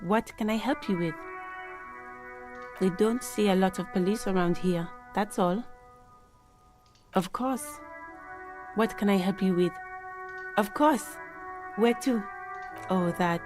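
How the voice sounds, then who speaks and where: A composed, guarded gardener in a video game, played by a woman. She answers in a matter-of-fact way at a middle pitch, with faint music in the background. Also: slow, long pauses, natural voice.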